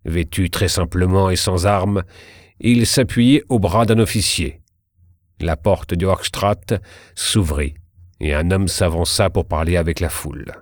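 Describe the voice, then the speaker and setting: A man narrating a historical story in a measured, steady reading. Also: deep voice, dry recording, studio quality.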